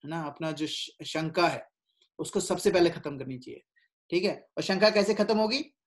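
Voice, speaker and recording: A man with a somewhat high-pitched voice leads an informal spiritual class. He talks conversationally and often pauses to check in with his listeners. He mixes English phrases into his speech. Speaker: devotional speaker.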